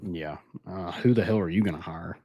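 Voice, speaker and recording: A man's voice: deep voice, brisk, darkish tone, slightly rough, no room sound. A man co-hosting a podcast, chatting casually about college football and telling stories animatedly. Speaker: podcast co-host. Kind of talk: casual sports chat.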